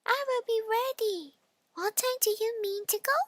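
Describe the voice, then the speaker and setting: A woman's voice: very high-pitched, moderate pace, a bit bright, no echo, studio quality, voice pushed up. A woman voicing a small, clever, cheerful young pig in a bedtime story, polite and eager in manner. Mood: polite, chirpy.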